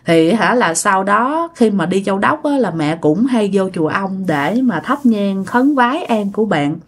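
A woman's voice: mid-range voice, animated, normal speed. Chatty Southern Vietnamese woman storyteller. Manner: chatty, addresses listeners directly. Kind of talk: casual ghost-story narration.

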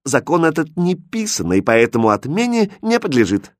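A quick-witted court jester with a wry, teasing tongue, as a man reading the tale puts him on. His lines hop around in pitch and sit close and dry, with no echo. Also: big pitch swings. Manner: quick, wry, hushed prompting. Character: sly, witty court jester.

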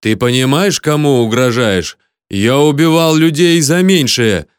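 Guy voicing a proud menacing gent, snarls his lines, lowish voice. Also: moderate pace, dry recording, clean studio sound, close to an everyday voice. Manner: cold, snarling. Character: arrogant gentleman adventurer, proud and menacing.

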